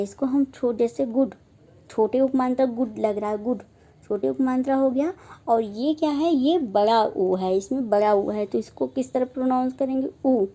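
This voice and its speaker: A young woman teaching a phonetics lesson. She speaks slowly, repeats herself, and says each example word aloud. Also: on the high side, dark tone. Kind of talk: phonetics lesson explained in Hindi.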